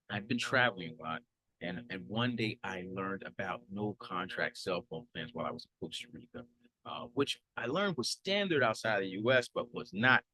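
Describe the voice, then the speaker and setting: A low-voiced man in his thirties, Haitian-born and raised in Florida, introduces himself as the host of a podcast. He sounds upbeat and earnest, often using fillers and restarting his sentences. The recording quality is poor.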